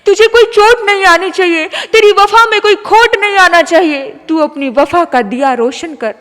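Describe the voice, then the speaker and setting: Brief: a preacher playing a loving mother, tender and pleading, bright voice in a long reverb hall. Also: extremely high pitch, moderate pace, voice pushed up. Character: loving forgiving mother of a grown son.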